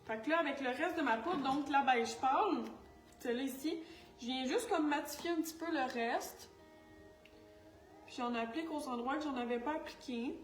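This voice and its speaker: A makeup artist with a Quebec French accent chats her way through a makeup tutorial, talking to camera in a scattered, self-mocking way as she works. Her voice sits high and moves at a normal speed, picked up far from the mic in an echoey room with faint music.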